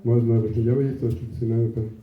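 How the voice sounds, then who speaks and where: A man's voice: mid-range voice, level tone, quick pace. A Mexican man with a Mexican Spanish accent, a pastor delivering a conversational sermon and often turning to the congregation with asides. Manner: conversational preaching, keeps asking "¿verdad?" and "hermanos". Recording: echoey room, dull lo-fi sound.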